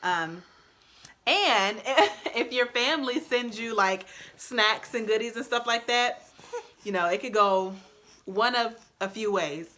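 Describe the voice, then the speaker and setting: A woman's voice: fairly high pitch, slow pace, a little hiss or hum. A young adult woman who served in the army, chatting expressively and laughing often as she gives casual advice on her vlog. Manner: chatty and expressive, laughs often, loud and bold when excited. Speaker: vlogger and army soldier.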